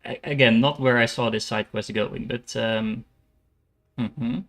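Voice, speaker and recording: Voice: mid-range voice, fairly even intonation, unhurried, gravelly, a bit bright. Dutch accent streamer chatting over gameplay, lots of ums, mid voice. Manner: chatty, hesitant asides with fillers. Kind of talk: casual gameplay commentary.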